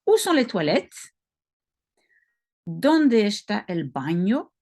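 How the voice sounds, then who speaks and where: Belgian French woman teaching, slow deliberate delivery, fry in the voice. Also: medium pitch, big pitch swings, dark tone. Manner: slow, careful, self-correcting, explaining as she goes. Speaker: language-learning video host. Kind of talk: reading practice dialogue aloud.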